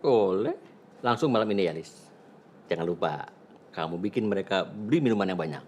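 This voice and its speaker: A deep-voiced scheming club boss. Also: male voice, lively intonation, fairly quick, a little hiss or hum. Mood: businesslike. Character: scheming middle-aged male club boss. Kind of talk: film dialogue.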